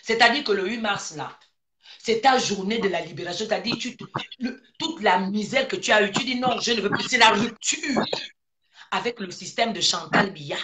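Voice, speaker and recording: Une femme originaire du Gabon qui prononce un discours politique passionné, martèle ses phrases et enchaîne les questions rhétoriques. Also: female voice, medium pitch, animated, normal speed, noisy background. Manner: emphatic, repeats phrases, rhetorical questions. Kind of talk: impassioned political speech.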